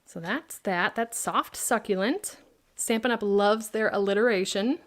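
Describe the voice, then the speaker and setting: A woman's voice: mid-range voice, a little slow. Chatty woman demoing craft products. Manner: chatty, answers viewer questions by name. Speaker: craft product demonstrator hosting a livestream. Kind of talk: live product demo chat.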